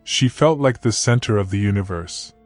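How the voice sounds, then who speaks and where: A man narrating a romance story in a slow, dramatic, lingering delivery. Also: on the low side, lively intonation, dry recording, soft background music.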